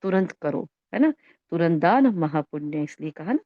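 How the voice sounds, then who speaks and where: A woman's voice: on the low side, expressive, normal speed, dry recording, dull audio. A woman spiritual teacher giving an earnest, coaxing talk and answering a question, often asking "right?" to check on her listeners.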